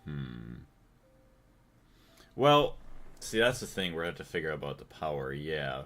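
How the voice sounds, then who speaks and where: Speaking at a moderate pace, this American gamer has a rumbling low voice with a slightly bright edge and a very animated delivery. He talks casually on his livestream as he plays, musing out loud and giving thanks to his chat.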